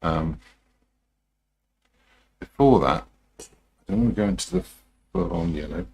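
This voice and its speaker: A man talking through a live demonstration as a painting instructor, informal and unhurried, muttering his thoughts to himself as he works. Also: sits low, very animated, creaky, darkish tone, husky. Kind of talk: TV painting instructor style, musing aloud while demonstrating.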